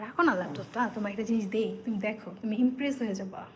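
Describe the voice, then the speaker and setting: A woman's voice: medium pitch, very fast, slight background noise, poor audio. A woman from Bangladesh vlogging at home, chatty and often checking in with viewers. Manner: chatty, keeps asking viewers "okay?", hushed when sneaking. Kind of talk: casual vlog to camera. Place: home in Singapore.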